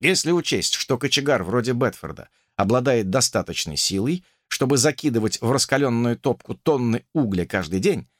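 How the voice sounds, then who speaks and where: A man's voice: medium pitch, animated, normal speed, few pauses, dry recording, studio quality. A man narrating an audiobook in a theatrical reading.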